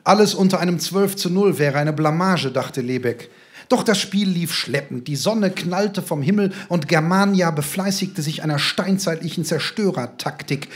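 A man reading his own comic short story aloud with lively, deadpan storytelling. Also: fairly high pitch.

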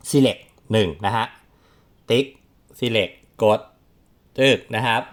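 A man's voice: mid-range voice, a bit bright. A man from Thailand hosting a casual step-by-step phone tutorial, chatty and polite. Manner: chatty, polite, many ครับ and ฮะ particles. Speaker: tech tutorial host.

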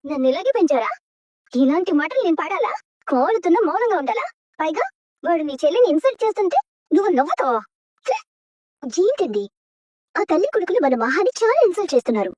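A woman's voice: extremely high pitch, very animated, dry recording, muffled recording. An actress playing a spirited young woman who angrily refuses an arranged marriage in a TV serial drama. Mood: indignant. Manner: indignant, sharp, fast retorts. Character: spirited young woman, bride-to-be, angry and defiant.

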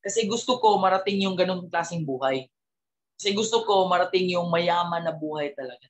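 A man speaking at a business team gathering, giving an animated motivational talk, mixing English words in and often asking the audience rhetorical questions. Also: sits high, a little fast.

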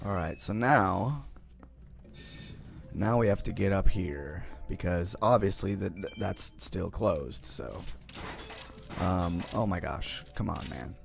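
A young man who hosts a gaming channel gives casual let's-play commentary in a low, raspy morning voice, often groaning in frustration at the game as he plays.

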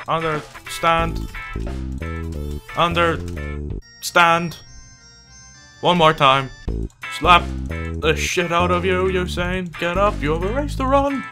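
A man hosting a comedic game commentary video, goofy and excitable, chatting to the characters on screen. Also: on the high side. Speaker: gaming video host. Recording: game music playing behind voice. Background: game music.

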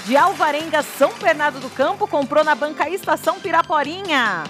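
A woman's voice: sits high, animated, fairly quick, music in the background. A woman with a Brazilian accent co-hosting a live prize draw, reading out numbers and winners. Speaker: lottery draw co-host.

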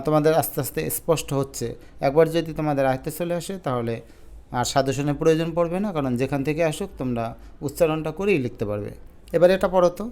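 A man teaching an exam-prep lesson, pronouncing each word slowly syllable by syllable to model it. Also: on the high side, a little mellow, smooth. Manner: drawn-out slow syllables when modelling words.

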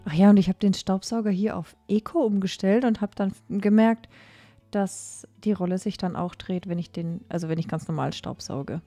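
A young woman narrates in a relaxed, chatty way, filling her pauses with little hesitations. Her voice is mellow and dark-toned. Soft music plays faintly underneath. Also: mid-range voice, no room sound. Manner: chatty, with many fillers and pauses. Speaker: cleaning vlogger. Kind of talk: casual voice-over narration.

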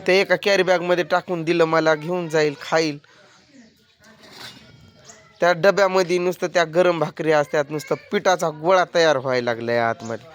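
Guy, kinda high voice, nagging and fed up in a comedy skit. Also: fairly even intonation, moderate pace. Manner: nagging, exasperated, scolding. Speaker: comic vlogger. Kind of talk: comic skit of village family life.

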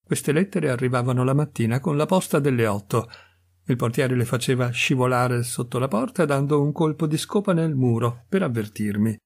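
A man reading a literary story aloud as a narrator, in a measured, expressive storytelling manner. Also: mid-range voice. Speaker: reader of audiobook stories.

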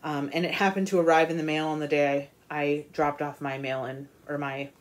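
A chatty woman with a slightly low voice hosts her knitting podcast. She talks casually and warmly about yarn, trailing off with ums and restarting her sentences. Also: level tone, fairly quick. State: has the hiccups. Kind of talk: casual show-and-tell chat.

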